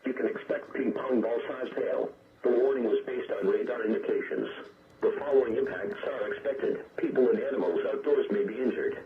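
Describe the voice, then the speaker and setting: This is a muffled, echoey, noisy weather radio broadcast caught on a receiver, with crowd noise and distant pickup. An automated announcer with a synthetic-sounding, medium-pitched male voice reads formal emergency weather bulletins, measured and impersonal.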